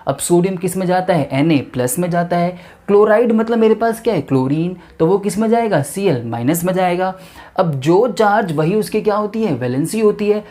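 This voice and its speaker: A male teacher works through a chemistry lesson. His tone is mellow and warm. He keeps posing quick questions to his students and then answers them himself. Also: a little high.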